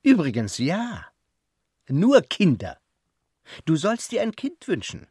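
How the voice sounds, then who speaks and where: Brief: self-styled prophet, solemn preacher of brotherhood; radio play; unhurried, dry close mic. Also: male voice, fairly high pitch, huge pitch swings, darkish tone, husky, no echo, heavily acted. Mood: preaching. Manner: slow, grave and preaching.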